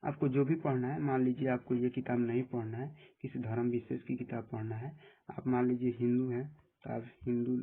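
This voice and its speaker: A man with a husky voice giving plain step-by-step instructions in a screen-recorded app tutorial. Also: mid-range voice, level tone, fairly quick. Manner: plain step-by-step instructions, often saying "dekhiye". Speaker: tutorial presenter. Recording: tinny phone-like audio.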